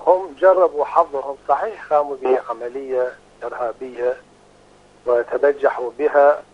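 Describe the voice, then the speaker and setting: A man talking as the expert guest over a phone line, giving measured, emphatic analysis with frequent hesitations. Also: medium pitch.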